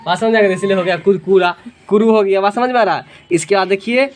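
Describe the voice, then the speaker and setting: A man's voice: high voice, fast, slight background noise. A man runs an exam coaching class. He teaches through memory tricks, calls for answers in chorus, and keeps asking whether the students follow. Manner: drills students by call and response. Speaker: general knowledge teacher.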